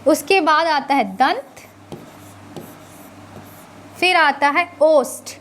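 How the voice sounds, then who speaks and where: High-voiced woman teaching grammar. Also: a bit bright, slight background noise. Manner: asks the class questions and answers them herself, adds "है ना"; stretches sounds slowly to show how they are said. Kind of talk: classroom lecture.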